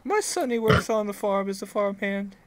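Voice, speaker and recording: Quirky leprechaun-like farm owner, put on by a game player, high-pitched, swooping, evasive tabletop character. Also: moderate pace, no room sound, natural voice. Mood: plaintive, odd. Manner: lilting leprechaun-like voice. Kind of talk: tabletop role-play.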